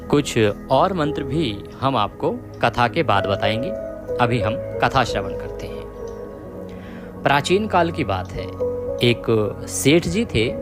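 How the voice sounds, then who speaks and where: A man who hosts a devotional channel, narrating a religious story in a measured, reverent way and speaking to his devotees. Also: mid-range voice. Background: music.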